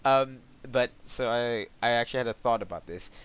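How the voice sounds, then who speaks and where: A man hosting a casual chat about developing a game, talking in a monotone with lots of halting fillers. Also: mid-range voice, clean tone, no echo.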